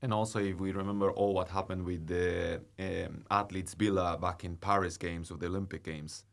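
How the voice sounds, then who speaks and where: A man's voice: low voice, fairly even intonation, moderate pace, creaky. A young man with a Spanish accent, a native Spanish speaker, co-presenting an informal student radio discussion. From born in Ecuador, grew up in Spain. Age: young adult.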